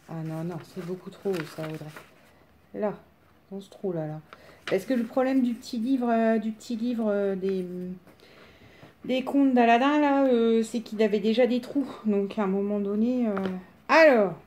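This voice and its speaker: A woman with a smoker's rasp chatting casually through a craft demonstration in a rambling, self-deprecating way. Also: on the high side, a little slow, pauses often, a little mellow. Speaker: craft tutorial presenter.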